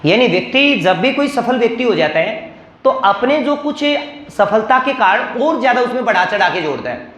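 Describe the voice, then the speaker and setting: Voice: medium pitch, a bit bright. A teacher giving a classroom lecture, repeating key terms and asking the class questions. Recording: echoey room.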